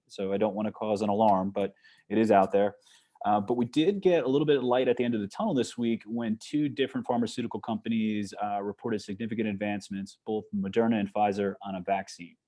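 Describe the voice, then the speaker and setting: A man with a Long Island accent, from New York, giving a fast-paced online talk as a psychologist, with frequent fillers and restarts. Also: fairly low pitch, warm tone. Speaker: guest speaker, psychologist. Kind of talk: online presentation. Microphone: video call.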